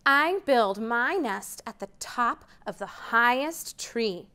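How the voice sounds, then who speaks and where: In a library program room, a woman in her thirties reads a picture book to young children in an animated storytime style, her high voice swooping through wide pitch leaps. She reads slowly and clearly, counting upward with excitement. A camera records her from mid distance.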